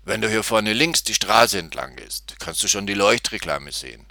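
A man's voice: lowish voice, lively intonation, normal speed, gravelly, bright, forceful tone, no room sound, clean studio sound, heavily acted. A man voicing an easygoing younger man who talks matter-of-factly, in a storybook reading. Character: easygoing younger man drinking beer on a bench.

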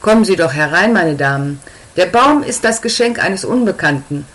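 A woman's voice: on the low side, lively intonation, moderate pace, a bit bright. A woman voicing a young wife who talks in a raised, agitated voice. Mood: welcoming. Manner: raised, agitated, then hospitable. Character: flustered young wife, shrill when shocked.

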